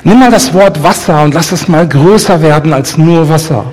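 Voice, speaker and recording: A man interprets a guest sermon phrase by phrase. His voice is slightly high, he rephrases fast, and he sometimes hesitates over words. The hall rings with long reverb. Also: a little mellow. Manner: quick rephrasing, some hesitation. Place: church hall.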